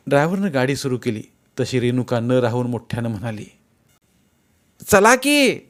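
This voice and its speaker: A man reading a novel aloud in steady, measured storytelling narration. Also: medium pitch. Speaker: audiobook narrator.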